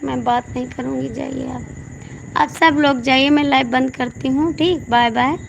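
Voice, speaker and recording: A hoarse woman, chatting on a live stream and coaxing viewers again and again. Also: sits high, steady tone, moderate pace, dull audio, slight background noise. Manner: pleading, coaxing, repeats requests. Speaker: folk singer hosting a live stream. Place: indoors at night with the power out.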